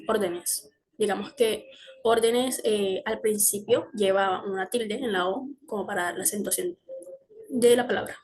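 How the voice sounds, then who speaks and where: A woman's voice: medium pitch, breathy edge. A young woman giving a class presentation, hesitant, with fillers and self-corrections. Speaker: student presenter.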